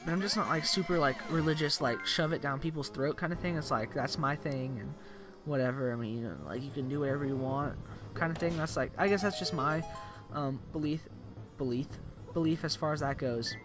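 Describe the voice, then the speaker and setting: A man's voice: fairly high pitch, fairly quick. Tired young man rambling over game music. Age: young adult. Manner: rambling, tired, says "like" constantly. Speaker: let's play commentator. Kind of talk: casual gameplay commentary. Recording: game music playing behind.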